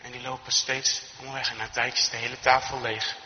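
A man's voice: mid-range voice, level tone, fast talker, sharp tone, slight background noise. A man telling a Christmas story off the cuff, often repeating words as he goes. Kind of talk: improvised storytelling. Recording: echoey hall, dull lo-fi recording.

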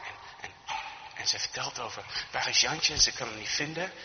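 A man's voice: medium pitch, lively intonation, brisk, a crowd in the background. Hesitant male storyteller in an echoey hall. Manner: hesitant, repeats words. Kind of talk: improvised storytelling. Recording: echoey hall, dull lo-fi recording.

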